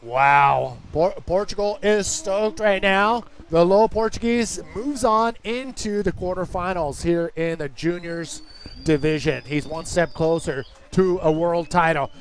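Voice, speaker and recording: A man co-hosting an excited live surf broadcast, casual and exclamatory in his delivery. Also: high voice, unhurried. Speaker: live sports commentator and broadcast host.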